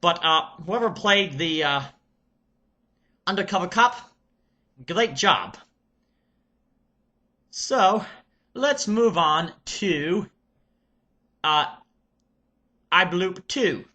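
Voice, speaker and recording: A man playing an excitable TV reviewer character with a Serbian accent, exclamatory and halting as he reviews. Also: high-pitched, full character voice. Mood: excited. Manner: loud, exclamatory, halting with ums. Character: excitable male Nickelodeon reviewer character, the Nutcase.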